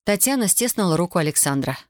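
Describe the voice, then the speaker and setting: A woman narrating an audiobook in a measured, even manner. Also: fairly low pitch, dry recording, studio quality.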